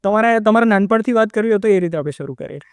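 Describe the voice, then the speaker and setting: A man's voice: sits high, animated, very fast, clear, resonant tone, no room sound, studio quality. A man hosting a podcast interview, asking open questions and slipping English phrases into his talk. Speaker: podcast host.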